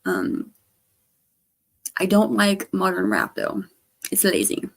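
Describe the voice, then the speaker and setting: A woman livestreamer chatting casually in a halting, rambling way, her speech slightly slurred by missing front teeth. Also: mid-range voice, sing-song, vocal fry. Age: adult, grown past teens. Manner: halting, trailing off with repeated stammered starts.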